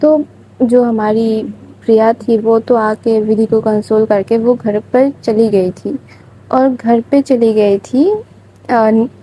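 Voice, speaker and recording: A woman's voice: on the high side, fairly even intonation, slow, dark tone, slight background noise, poor audio. A woman narrating a story in a chatty, informal way, with confiding asides to listeners.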